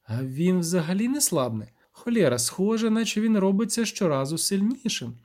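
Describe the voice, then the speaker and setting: Male reader doing a raised-voice imperious sorceress, storybook. high, urgent, commanding. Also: sing-song, moderate pace, darkish tone. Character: proud fierce adult sorceress, commanding. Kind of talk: audiobook character reading.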